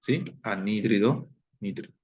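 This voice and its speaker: A man's voice: on the low side, measured pace, darkish tone, highs cut off. A man teaching a chemistry lesson, explaining step by step, repeating key terms and checking in with his students.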